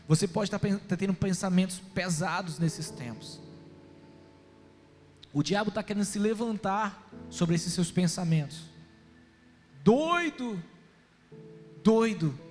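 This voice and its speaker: A man with a Brazilian Portuguese accent preaching a sermon, emphatic, stretching words and swinging suddenly between loud and soft. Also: a little high. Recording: long hall reverb with faint music.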